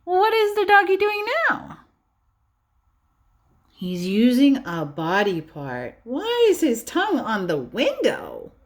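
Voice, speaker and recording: On the high side in pitch, this female teacher reads a picture book aloud to young children. The reading is expressive and instructive, with many pauses to ask them questions.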